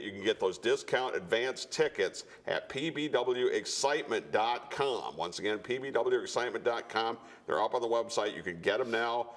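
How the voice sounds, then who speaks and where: A man hosting a wrestling show, presenting event details and matches in a casual, conversational promotional style. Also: medium pitch.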